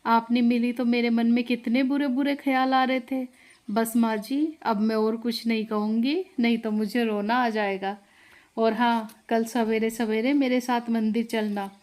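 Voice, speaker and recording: A woman's voice: a little high, a little mellow, close to an everyday voice. A woman playing a devoted young daughter-in-law.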